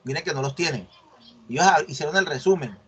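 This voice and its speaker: He's a fast talker with a somewhat high, fairly bright, slightly rough voice and an expressive delivery. A university teacher in an online class, he lays out a research assignment, corrects his students, and repeatedly checks in with "¿sí ven?"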